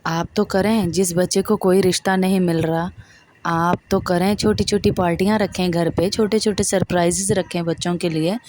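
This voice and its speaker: A woman's voice: fairly low pitch, steady tone, a little mellow, slight background noise. A woman with a Pakistani Urdu accent giving a religious talk to women, emphatic and scolding, often asking her listeners questions. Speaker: preacher.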